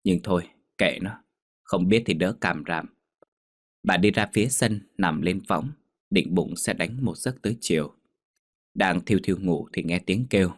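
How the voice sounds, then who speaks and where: A man narrating a ghost story in a steady, measured way. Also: low voice, dry recording, clean studio sound.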